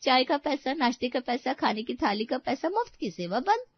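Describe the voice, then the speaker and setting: A woman's voice: high voice, sing-song, normal speed, slightly rough, exaggerated voice. A woman voicing a clever young female friend who teases and bosses her friend around. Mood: teasing. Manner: teasing, bossy. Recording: dry, slightly dull sound.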